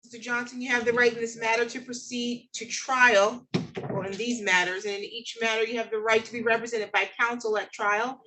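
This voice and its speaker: A woman's voice: fairly high pitch, fairly even intonation, brisk, pushed and bright, slight background noise, rough recording. A woman speaking as a judge in a courtroom, putting formal questions and explaining procedure step by step.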